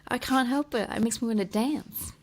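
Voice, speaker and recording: A woman's voice: fairly high pitch, normal speed, a little hiss or hum. A woman hosting a live stream from home over a video call, chatting casually and laughing often. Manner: giggly, warm-toned chatter with frequent laughs. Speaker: host.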